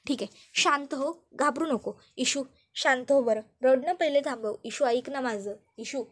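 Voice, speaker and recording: A woman's voice: high voice, unhurried. A woman voicing a worried older woman who anxiously pleads with and soothes a crying girl.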